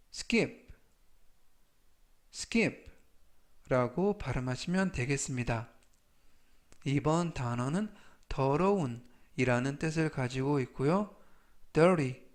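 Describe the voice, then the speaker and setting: Slow, careful Korean-speaking male teacher. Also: medium pitch. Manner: slow, careful, repeats each word three times; polite formal endings, drawn-out English words. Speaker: English vocabulary teacher. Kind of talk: slow, scripted vocabulary lesson.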